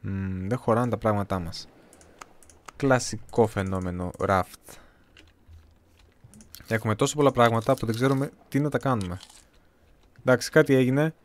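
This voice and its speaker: Young man from Greece, casual game commentary, chatty, slightly hoarse, keeps clearing his throat. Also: fairly low pitch, long pauses. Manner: chatty, talks to viewers, jokey self-talk. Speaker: gameplay commentator.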